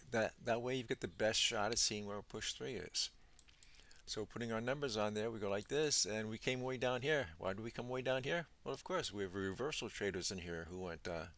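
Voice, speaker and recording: A man teaching as a trading instructor, walking through charts on screen in an unhurried way, thinking aloud with many fillers. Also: on the low side, gravelly, fairly bright tone. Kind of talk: screen-share chart walkthrough.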